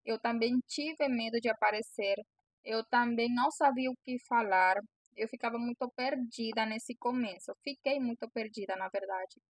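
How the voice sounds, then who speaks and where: High-voiced Venezuelan woman coaching. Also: moderate pace, no room sound. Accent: Venezuelan Spanish. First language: Spanish. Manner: earnest, encouraging, repeats phrases. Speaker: bow-maker coaching sellers. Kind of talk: direct-to-camera coaching talk.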